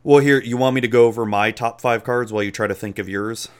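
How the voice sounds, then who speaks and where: A man's voice: mid-range voice, fairly even intonation, fast talker, clear, resonant tone. A man co-hosting a casual podcast chat, laid-back and joking, often trailing off with fillers. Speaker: podcast co-host. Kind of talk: casual chat about a card game.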